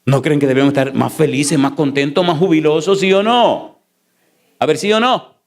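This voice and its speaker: Pastor, man, church sermon; emphatic, fires off rhetorical questions, slows for stress, then races. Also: on the high side, vocal fry. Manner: shifts between slow stressed phrases and rapid runs. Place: church sanctuary. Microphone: sermon recording.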